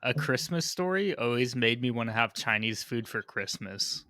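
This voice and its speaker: A man's voice: medium pitch, animated, normal speed, sharp tone, no echo. A young man co-hosting a podcast in casual chat, laughing often and cursing freely. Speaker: podcast co-host.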